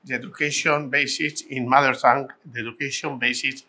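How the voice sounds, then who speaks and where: A middle-aged man from the Basque Country with a Basque accent, explaining in measured second-language English as an interviewee. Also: mid-range voice, level tone, bright, forceful tone, slight background noise. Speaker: interviewee, language rights advocate.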